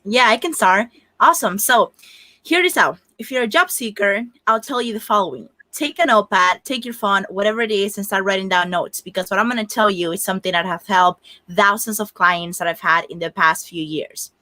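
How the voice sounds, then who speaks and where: A woman's voice: mid-range voice, brisk, pushed and bright, dry recording. A woman from the Dominican Republic speaking as a career coach guest, giving direct, instructive advice to job seekers. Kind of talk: energetic advice talk.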